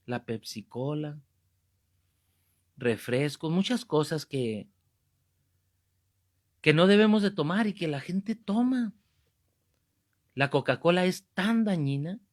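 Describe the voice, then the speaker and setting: Animated preacher, fairly high voice. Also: male voice, slow, long pauses. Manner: animated, joking, rebuking. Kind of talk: sermon with comic storytelling.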